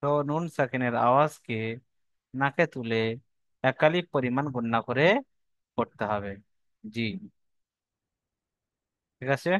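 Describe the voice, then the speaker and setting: A man teaching a Quran recitation lesson online, patiently repeating rules and slowly spelling out syllables. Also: mid-range voice, a bit bright, no room sound, dull audio.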